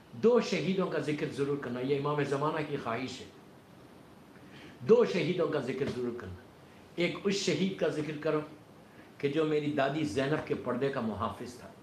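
Male majlis preacher, impassioned sermon delivery with a raised voice, roomy reverb behind him. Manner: impassioned, rising to a wailing cry in the lament. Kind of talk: majlis sermon with mourning recital and supplication. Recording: roomy echo with faint rumble.

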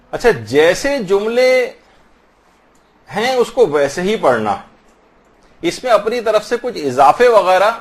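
A man giving a religious lesson on prayer pronunciation, explaining patiently and slowly demonstrating each recited phrase. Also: on the high side. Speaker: religious teacher.

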